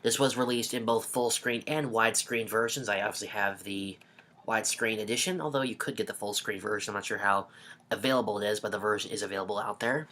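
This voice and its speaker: A man's voice: lowish voice, fast, sharp tone, a little hiss or hum. A young man giving a chatty, rambling video review of a DVD he is fond of.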